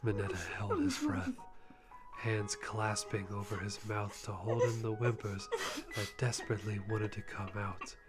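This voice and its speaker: Over background music, a channel host reads fan fiction aloud in a dramatic, mock-serious live performance, often close to laughing. His voice is fairly low, swinging widely in pitch at a normal speed.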